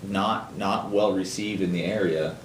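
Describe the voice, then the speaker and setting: A deep-voiced man co-hosts a small business news show, speaking loosely with frequent fillers and false starts. The room gives his voice a noticeable echo, with a faint rumble underneath. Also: steady tone. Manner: halting, many fillers and restarts. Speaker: co-host. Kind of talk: casual news chat.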